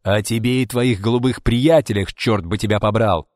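A man voicing a furious, domineering middle-aged father who shouts harshly. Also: deep voice, moderate pace, dry recording, clean studio sound, lightly acted. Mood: raging. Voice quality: bellowing, harsh.

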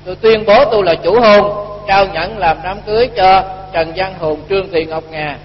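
A man's voice: sits high, normal speed. A man, a Buddhist monk giving a storytelling sermon and acting out the dialogue in his tale. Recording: dull lo-fi recording with long reverb.

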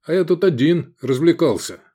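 A man voicing a gruff, hot-tempered male gladiator leader who barks commands. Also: on the high side, animated, normal speed, warm tone, pitched above the performer's own voice. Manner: barking, commanding.

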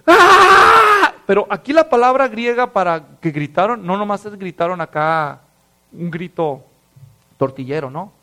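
High-voiced preacher. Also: male voice. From Mexico. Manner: animated storytelling, acts out voices, drops to hushed tones. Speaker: pastor. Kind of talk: sermon.

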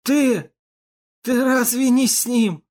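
A man voicing a dying young Komsomol organizer, badly wounded, gasping and pleading slowly. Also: very high voice, fairly even intonation, a little mellow, voice pushed up. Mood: pained pleading. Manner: slow, strained, pleading. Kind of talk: audiobook character voice.

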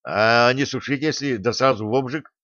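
Grumpy elderly retiree, read by a man: curt grumbles, gruff, dry muffled recording. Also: mid-range voice, normal speed, fairly bright tone, no room sound, close to an everyday voice. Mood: curious.

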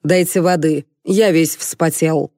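A woman voicing an excitable, bossy male film director who shouts orders, reading an audiobook in a dry studio. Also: low-pitched, slow, no room sound. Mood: exasperated. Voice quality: shouting, exasperated.

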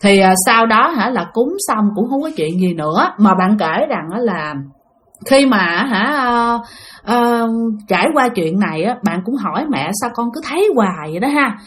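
A woman's voice: medium pitch, expressive, normal speed. A woman with a Southern Vietnamese accent telling a ghost story in a conversational way, speaking directly to her listeners. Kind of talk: spoken ghost-story narration.

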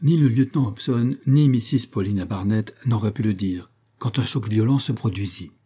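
Dark, husky male audiobook narrator. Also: lowish voice, normal speed. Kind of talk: scripted narration.

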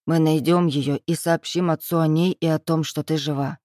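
A woman reading a storybook, voicing a cold, menacing man who purrs low and then barks orders. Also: fairly even intonation, normal speed, darkish tone, no echo, clean studio sound, close to an everyday voice. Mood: soft soothing. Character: cold, menacing man, a powerful boss's right hand.

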